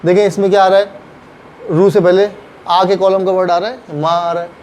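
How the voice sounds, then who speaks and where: High-voiced Pakistani man teaching a lesson. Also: flat delivery, brisk, darkish tone, a little hiss or hum. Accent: Urdu-speaking Pakistani. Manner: patient, repeats phrases, acts out example sentences. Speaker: Japanese language teacher. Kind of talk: classroom lesson explaining grammar.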